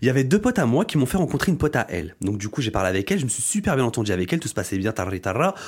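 Fast-talking husky young man. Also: medium pitch. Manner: animated, slangy, swings to loud indignation. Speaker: podcast host. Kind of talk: casual storytelling monologue.

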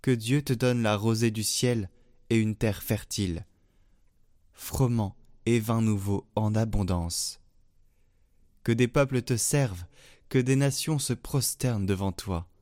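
A man giving a solemn liturgical scripture reading in a slow, measured way. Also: fairly low pitch, darkish tone, no echo. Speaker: scripture reader. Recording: dry, faint music behind.

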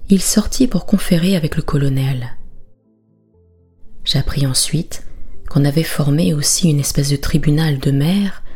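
Female storyteller, whispered bedtime reading, low voice, slow and hushed. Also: slightly rough. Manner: soft, hushed.

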